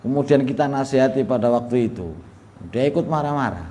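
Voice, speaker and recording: A man's voice: mid-range voice, animated, fairly quick, warm tone. A man giving a humorous religious lesson, chatty and laughing often as he acts out little dialogues. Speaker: religious teacher. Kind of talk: sermon.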